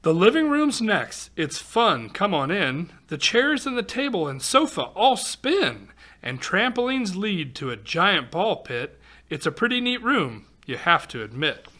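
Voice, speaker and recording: A man volunteers reading to children, delivering a rhyming picture book in a high, sing-song voice with a sharp tone and a measured pace. He reads expressively, adding exclamations and chatty remarks.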